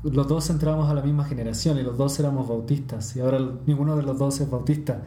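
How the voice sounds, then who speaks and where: A man's voice: medium pitch, fairly even intonation, quick pace, mellow, reverberant. A man interviewing a former classmate in a friendly, curious way. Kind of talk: casual interview.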